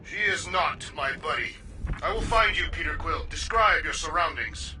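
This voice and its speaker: Solemn, literal alien warrior for a game, formal blunt diction, very animated pitch, music underneath. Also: male voice, normal speed. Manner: formal, stilted diction without contractions, blunt. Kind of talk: video game voice acting.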